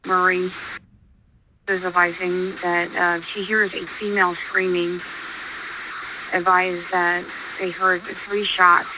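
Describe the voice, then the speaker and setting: A woman police dispatcher heard over a police radio, brisk and businesslike, calling out codes and times. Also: lowish voice. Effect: police radio transmission. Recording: tinny radio with static.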